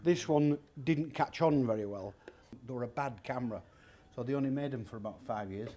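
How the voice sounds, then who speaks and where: A dark-toned, mid-range man's voice, a little fast, belongs to a secondhand shop owner in his fifties. Interviewed in a large indoor used-furniture warehouse, he's chatty and plain-spoken as he shows old items and works through their prices step by step.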